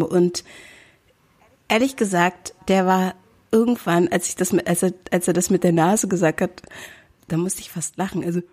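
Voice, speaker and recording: A woman chatting casually, telling an anecdote and acting out shouted quotes. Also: on the low side. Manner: animated storyteller, acts out shouted quotes.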